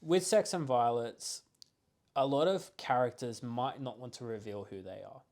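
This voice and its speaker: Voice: medium pitch, normal speed. A podcast co-host in casual chat who tells stories with energy and acts out quoted lines. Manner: animated storyteller, acts out quotes.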